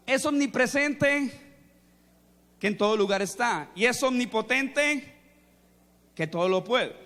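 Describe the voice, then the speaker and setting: A high-voiced male preacher gives a sermon to young people, acting out anecdotes and quizzing the crowd. His voice echoes through a large hall with a long reverb. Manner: storytelling, animated, quizzes the audience. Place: church or seminar hall.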